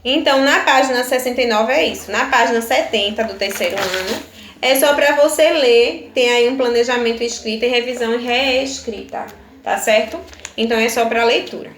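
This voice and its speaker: A primary school teacher with a Brazilian Portuguese accent, a woman with a slightly high voice, takes children through their exercises one step at a time. She checks often that they are following. The room has a noticeable echo. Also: normal speed, fairly bright tone. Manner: patient, explains step by step, often asks "tá certo?". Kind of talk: recorded video lesson for children. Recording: echoey room with faint ambient noise.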